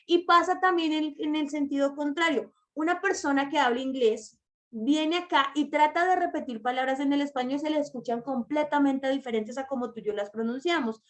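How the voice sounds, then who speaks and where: High-voiced woman teaching a masterclass. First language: Spanish. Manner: explains slowly, stresses words, addresses mothers directly. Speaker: early-childhood language teacher. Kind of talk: online masterclass lecture.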